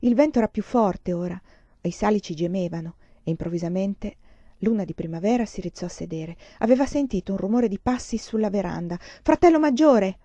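Woman narrator, audiobook reading, warm dark tone, dull lo-fi recording, expressive. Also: medium pitch, a little fast, no room sound. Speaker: reader.

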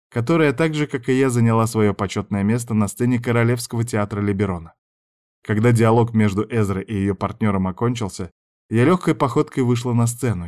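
A man narrating a novel in a calm, even way, the steady reader of an audiobook. His voice sits a little low. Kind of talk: scripted narration.

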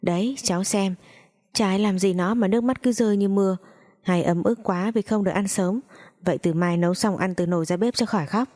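A woman's voice: medium pitch, a little fast, a little mellow, natural voice. A woman voicing a scornful, scolding rich old mother-in-law in a storybook reading. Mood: mocking. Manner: sneering, scolding.

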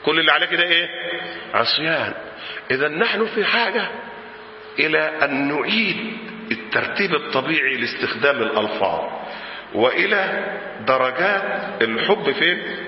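A man with an Egyptian Arabic accent preaching a sermon, asking the crowd questions and swinging from low murmurs to shouts. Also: lively intonation, normal speed, pauses often, a little hiss or hum. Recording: echoey hall, dull lo-fi sound.

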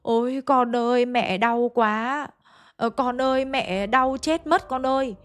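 A man past sixty groans slowly in his sleep, each cry stretched and pained, as a woman narrator puts him on. Woken, he turns short-tempered and snappish. The voice sits a little higher than a man's. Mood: moaning. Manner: groaning drawn out, then snapping crossly. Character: man over sixty, moaning in sleep, grumpy.

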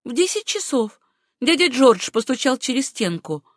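A woman reading an audiobook, voicing a gentle, naive young woman with a light, sympathetic manner. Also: high voice, sing-song, moderate pace, dry recording, studio quality, voice pushed up. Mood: innocent.

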